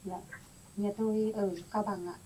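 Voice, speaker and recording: A woman playing a young woman rescued from drowning, speaking politely in a subdued, flat way. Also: mid-range voice, moderate pace, husky, natural voice. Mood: dazed, polite.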